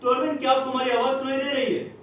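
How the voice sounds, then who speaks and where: A brisk male news anchor, played by a man on stage, reads his bulletin with a formal newsreader's crispness and a very high voice. The sound rings through a large echoey hall, picked up from well back from the stage. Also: level tone, fairly bright tone, a little hiss or hum. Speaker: stage actor. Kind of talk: stage play acting. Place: theatre stage. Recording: echoey hall, captured from far off.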